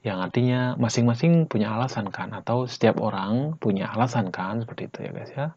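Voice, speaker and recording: Husky man teaching slang phrases. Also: medium pitch, a little mellow, muffled recording. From Bali, Indonesia. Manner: repeats each phrase slowly, then at normal speed; chatty, ends lines with "guys, ya". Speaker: Japanese language teacher. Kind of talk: casual vlog-style lesson.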